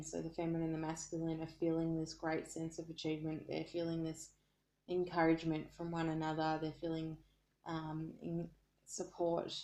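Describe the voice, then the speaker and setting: A woman with an Australian accent talks through a tarot reading in a low voice that stays flat and even. She sounds earnest and keeps searching for her words. The room around her is echoey. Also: a little hiss or hum. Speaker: tarot card reader. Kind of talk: casual spoken card reading.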